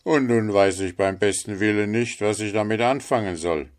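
A man's voice: fairly low pitch, moderate pace, voice pushed up, close to an everyday voice. A man voicing a selfish, pompous miller in a storybook reading, self-pitying in tone.

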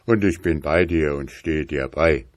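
A man's voice: rumbling low, measured pace, no echo, clean studio sound. A man voicing a kindly male bear in a fairy tale, speaking in a friendly, reassuring way.

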